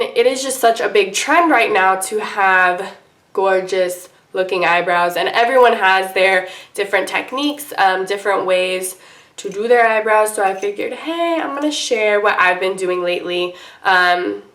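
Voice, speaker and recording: A woman with a medium-pitched voice chats casually to camera as a beauty vlogger. She sounds sick and under the weather, with an icky, congested voice. Her delivery is informal and rambling, recorded in a noticeably echoey room. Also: a bit bright. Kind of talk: casual makeup tutorial chat to camera.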